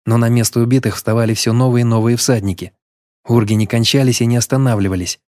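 Male audiobook narrator, mid pitch, steady storytelling delivery. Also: fast talker, no echo, studio quality. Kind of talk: first-person audiobook narration.

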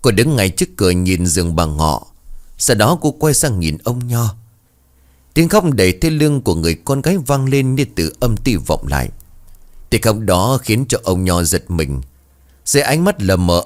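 Brief: male storyteller for a ghost tale, low voice, animated delivery. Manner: expressive storytelling. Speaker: narrator.

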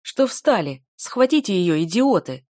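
A woman reading an audiobook voices an arrogant young male aristocrat bully who sneers, mocks and barks orders loudly. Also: mid-range voice, big pitch swings, a little slow, no echo, studio quality. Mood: furious. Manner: mocking, loud and commanding.

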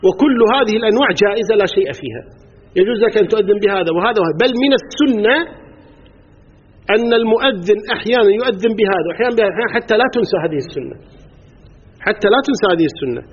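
Kuwaiti sheikh giving a lesson, high-ish husky voice, talks super fast, lo-fi hall recording. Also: male voice, lively intonation. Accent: Kuwaiti Arabic. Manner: explanatory, quizzes the class and counts items aloud. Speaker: sheikh teaching religious law. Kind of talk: religious lesson to a live class. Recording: dull lo-fi recording in a reverberant hall.

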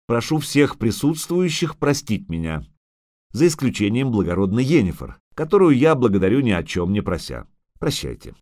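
A man's voice: on the low side, a little mellow, no room sound, studio quality. A man voicing a cold, sarcastic male monster hunter who speaks with formal, bitter irony.

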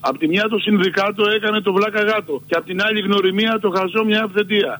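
High voiced cohost guy, goofy rhymes, hamming it up. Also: steady tone, fairly bright tone, rough recording. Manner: playful, mock-dramatic. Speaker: comedy radio co-host. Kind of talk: comic banter and rhyming verse.

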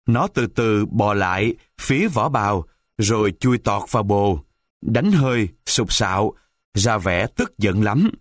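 Man reading a kids story, really lively and expressive, dry close sound. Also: lowish voice, a little slow, no room sound. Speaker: audiobook narrator. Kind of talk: storybook narration.

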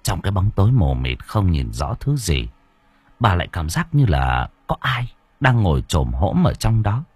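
A man narrating a horror story in a dramatic, expressive way. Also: low voice, moderate pace. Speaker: audiobook narrator.

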